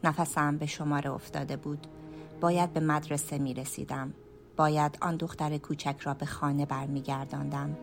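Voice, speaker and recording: A woman storyteller narrating a first-person radio story in a hushed, measured way, sometimes dropping to a whisper. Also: low-pitched, little pitch movement, creaky, soft background music. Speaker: storyteller and writer.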